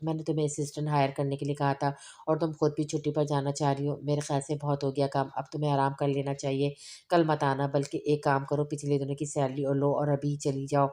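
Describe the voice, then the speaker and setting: A woman's voice: deep voice, completely flat delivery, fast talker, mellow, lightly acted. A woman voicing a short-tempered young woman who speaks curtly, in a storybook reading. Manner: curt, cold.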